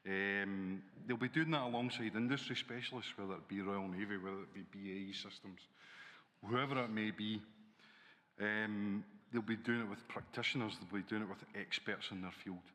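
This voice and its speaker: Glaswegian guy, middle aged, lowish voice, giving a panel talk in a big echoey hall. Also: fairly even intonation, moderate pace, bright, forceful tone. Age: 40s or 50s. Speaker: educator, conference panellist. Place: large hall on a conference stage. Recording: reverberant conference hall.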